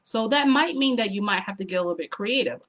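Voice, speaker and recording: A woman coaches her online audience in a sassy, animated way. Her voice is slightly hoarse, and she keeps up a lively, motivational tone. She often stops to ask the viewer to drop a comment. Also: medium pitch, fast talker. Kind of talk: motivational vlog talk to camera.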